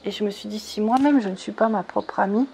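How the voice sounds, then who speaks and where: Woman with a gravelly voice guiding a meditation. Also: mid-range voice, brisk, dark tone, a little hiss or hum. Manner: coaxing, checks in with "d'accord?"; soothing, leads step by step. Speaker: spiritual retreat leader. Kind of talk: guided meditation talk.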